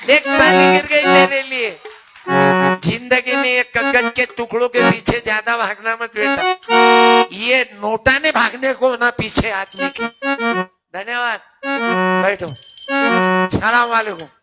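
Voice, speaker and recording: High-voiced older preacher over loud accordion. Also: male voice, steady tone, measured pace, pauses often. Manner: chatty, teasing, calls on audience members. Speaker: kirtan preacher. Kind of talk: devotional folk sermon with audience. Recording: loud accordion music behind.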